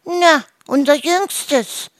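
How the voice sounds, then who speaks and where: A storyteller voicing an old, weepy mother goose in a children's story, with a high, whiny squawk. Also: takes it slowly, no echo, studio quality. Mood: tearful. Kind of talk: storybook reading.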